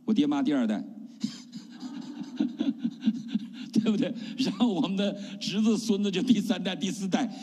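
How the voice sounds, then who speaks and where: A middle-aged man from China, a pastor giving an animated testimony sermon and often asking the congregation questions. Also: sits high, unhurried, pauses often, breathy edge. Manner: animated preaching with rhetorical questions. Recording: long hall reverb.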